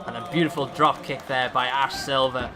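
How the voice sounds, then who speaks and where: A man calling wrestling moves in steady play-by-play commentary. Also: medium pitch, normal speed. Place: wrestling event with live crowd. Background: crowd noise.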